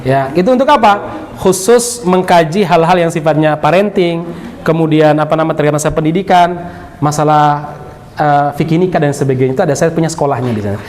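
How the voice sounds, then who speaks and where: A middle-aged man from Bima, giving a religious lecture in a lively, humorous storytelling manner. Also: on the high side, brisk. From Bima, Indonesia. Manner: lively and humorous, often laughing and acting out dialogue. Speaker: preacher.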